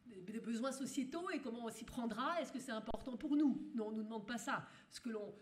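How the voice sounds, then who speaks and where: A woman's voice: on the high side, a little hiss or hum. Woman lecturing in a roomy hall. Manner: addresses the audience with rhetorical questions; halting, with frequent restarts. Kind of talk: university lecture.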